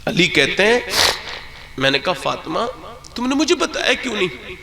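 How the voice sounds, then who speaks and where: A man's voice: high-pitched, very animated, creaky. A man preaching an emotional religious sermon, his voice swelling toward tearful pleading as he retells scenes to his listeners. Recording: crowd of listeners behind.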